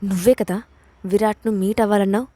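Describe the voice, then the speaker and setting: Young college woman voiced by a female narrator, sharp-tongued, curt, scornful, mellow tone, dry recording. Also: medium pitch, steady tone, fast talker, dry recording, natural voice.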